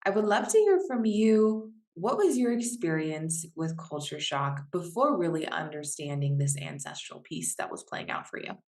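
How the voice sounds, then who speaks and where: A woman's voice: sits low, lively intonation, moderate pace, few pauses, darkish tone. A woman from Washington State hosting a podcast interview in an upbeat, enthusiastic way. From Washington State, USA. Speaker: podcast host.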